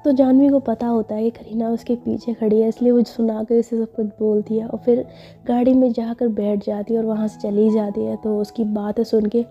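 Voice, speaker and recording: A woman narrating a story casually and chattily, with frequent fillers. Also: a little high. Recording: slightly dull with faint music.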